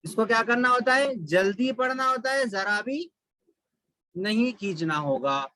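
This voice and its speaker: High bright-voiced male reading teacher. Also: expressive, no echo, low-quality recording. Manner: patient, repeats each rule slowly. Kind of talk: online class instruction.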